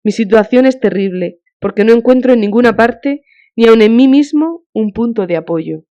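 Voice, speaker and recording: A woman reading an audiobook, voicing a grieving, humiliated middle-aged official in a weary, halting, thin voice, on a dull lo-fi recording. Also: on the high side, lively intonation, dark tone. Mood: despairing. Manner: weary, broken, halting complaint.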